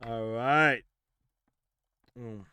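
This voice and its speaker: Bright, crisp-voiced man hosting a stream. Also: mid-range voice, extremely slow, dry recording. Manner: loose and rambling, full of fillers, says "bro", swears casually. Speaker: music producer hosting a demo review stream. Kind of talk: casual live-stream chat and feedback. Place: home studio on a Discord call.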